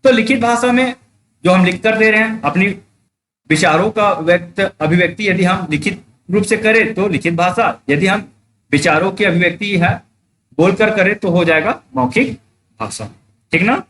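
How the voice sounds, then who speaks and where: A man with a fairly high voice teaches a live online exam-prep class. He explains each point step by step, repeats it, and checks that his students are following. A faint background hiss runs under his voice. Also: moderate pace, a bit bright.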